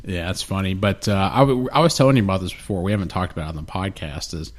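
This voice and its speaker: A podcast co-host speaks quickly in a low voice, his casual chat profane and rambling, with a slightly snotty, nasal quality. He's laid-back and close on a studio mic with headphones, and there's a little background noise.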